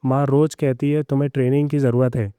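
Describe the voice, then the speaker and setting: A man's voice: medium pitch, flat delivery, brisk, mellow, smooth, dry recording, clean studio sound, lightly acted. A man voicing a tired young husband who snaps and then apologizes. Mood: earnest.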